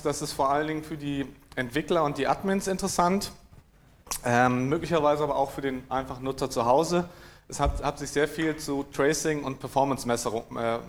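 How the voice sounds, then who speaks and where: A man from giving a technical conference talk, dry in manner, hesitant with many fillers and frequent throat clearing. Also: medium pitch, a little hiss or hum. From East Frisia, northern Germany. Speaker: conference speaker. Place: lecture room at a conference.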